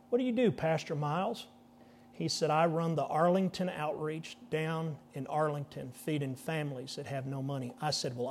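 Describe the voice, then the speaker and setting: A man's voice: fairly high pitch, a little hiss or hum. A man, a pastor telling a personal story in a sermon and voicing the people in it. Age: 50s. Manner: animated storyteller, voices the people in his story.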